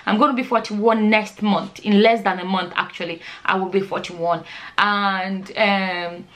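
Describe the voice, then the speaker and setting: A forty-year-old Nigerian woman, a vlogger and channel host, answers viewer questions in a casual, chatty vlog, often repeating words and phrases for emphasis. Her voice is medium-pitched and fairly bright, with fairly even intonation and a slightly slow pace.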